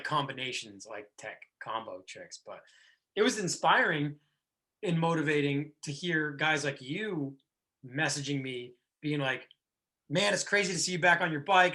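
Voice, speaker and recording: Bright-voiced man in his thirties. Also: mid-range voice. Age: 30s. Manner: rambling, many restarts and fillers. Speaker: podcast host. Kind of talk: casual chat.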